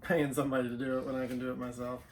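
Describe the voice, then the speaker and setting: A man's voice: medium pitch, level tone, racing. A man co-hosting a casual chat inside a small camper trailer, plain-spoken and laconic, with faint noise behind him. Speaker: co-host.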